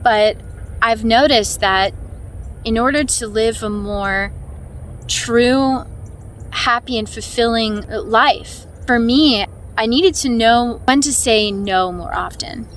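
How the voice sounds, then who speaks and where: A woman's voice: on the high side, unhurried. A woman with an American accent chatting casually and informally to her vlog audience as she walks on an outdoor hike. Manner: talking while walking on a hike; informal, chatty, with little chuckles. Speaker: vlog host. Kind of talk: casual chat to camera. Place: outdoors on a hiking trail. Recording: outdoor ambient noise.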